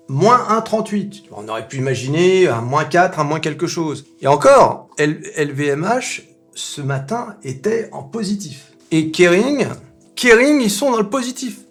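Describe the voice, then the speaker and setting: A man hosting a casual market commentary video, chatty and animated, full of fillers and rhetorical questions. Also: a little high, measured pace, faint music behind. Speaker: finance video host.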